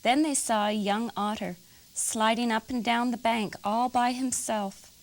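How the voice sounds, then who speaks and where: Librarian reading a picture book to children, calm storyteller, fairly high woman's voice. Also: a little slow, low-quality recording.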